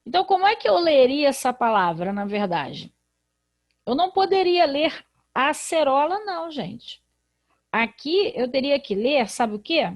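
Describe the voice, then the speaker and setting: A woman's voice: high voice, big pitch swings, unhurried, highs cut off. A woman with a Brazilian Portuguese accent, a literacy teacher in a recorded video lesson who explains patiently and asks rhetorical questions.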